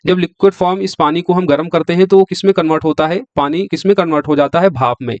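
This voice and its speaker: A man's voice: on the high side, fast talker, a little mellow, dry recording. A male teacher giving an exam-prep science lecture who keeps asking the class questions and answering them himself. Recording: dry, slightly dull lo-fi sound.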